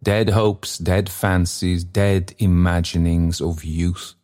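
A man reading aloud and voicing the spirit of a church bell, who speaks in stern, grave, measured pronouncements. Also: sits low, little pitch movement, a little mellow.

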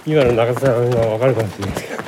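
A man's voice: mid-range voice, fairly even intonation, rapid-fire. A man talking politely and casually to a companion while out running. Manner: polite, deferential speech. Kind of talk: casual chat. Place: outdoors on a road. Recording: outdoor recording with clear movement and traffic noise.

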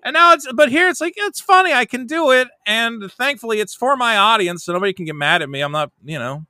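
A young adult man, a comedian, talking as a guest in a loose, animated, jokey way. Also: very high voice, no echo, clean studio sound. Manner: animated, jokey, quick to slip into goofy voices. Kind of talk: casual conversation.

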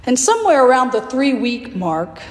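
A woman priest gives a sermon, her voice raspy and hoarse from allergies, in a measured, gentle way. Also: sits high, very animated. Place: church sanctuary. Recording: echoey church with long reverb.

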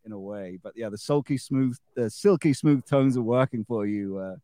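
A man hosting a casual podcast conversation, eager and quick to agree, laughing often. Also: mid-range voice, mellow, dry recording, studio quality. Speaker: podcast host.

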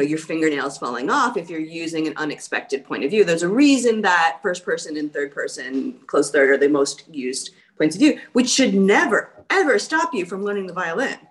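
Female guest author, deep voice, dry casual humor. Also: animated, normal speed. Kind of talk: casual panel chat.

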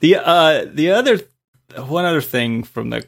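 Gravelly-voiced guy on a podcast, dry jokes, laid back. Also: fairly high pitch, animated, measured pace, a bit bright. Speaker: podcast guest. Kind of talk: casual tech podcast chat.

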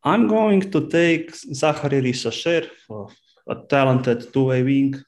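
Measured man from Slovenia. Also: mid-range voice, darkish tone. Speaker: podcast guest.

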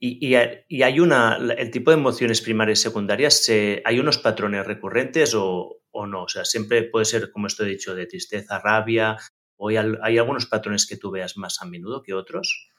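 A man hosting a conversational interview podcast, relaxed and chatty, who brings his own family stories into the talk. His voice sits somewhat low for a man. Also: moderate pace. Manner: shares personal anecdotes, chatty and relaxed.

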